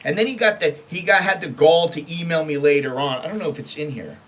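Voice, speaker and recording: A fast-talking American host with a slightly high, fairly bright voice reads emails aloud on his casual online storytime show, with a faint hiss or hum in the recording. His commentary is blunt, sweary, emphatic and exasperated.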